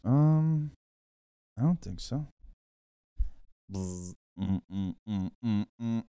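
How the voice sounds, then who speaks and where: A man co-hosting a casual podcast chat, joking around and firing off quick questions. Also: on the low side, lively intonation, mellow, clean tone, dry recording, clean studio sound. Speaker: co-host.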